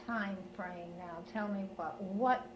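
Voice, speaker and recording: A woman's voice: medium pitch, slow pace, roomy sound. A woman with an American accent conducting an oral history interview at someone's home, with short prompts and acknowledgements. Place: in a room at home. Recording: home recording with faint noise.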